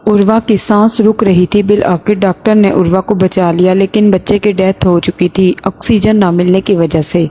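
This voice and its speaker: A woman narrating a moral story in a steady, earnest manner. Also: mid-range voice, hardly any pauses.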